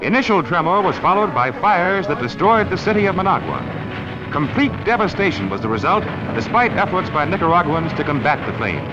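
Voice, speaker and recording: High-pitched old newsreel announcer man. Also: very animated, brisk. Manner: emphatic announcer delivery. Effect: old newsreel narration. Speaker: newsreel narrator. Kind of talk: 1940s newsreel narration. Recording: dull lo-fi archival sound with loud music. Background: music score.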